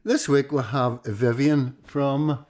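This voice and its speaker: A man hosting a podcast, relaxed and teasing as he introduces his guest. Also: mid-range voice, slow pace. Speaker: podcast host. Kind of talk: casual podcast chat.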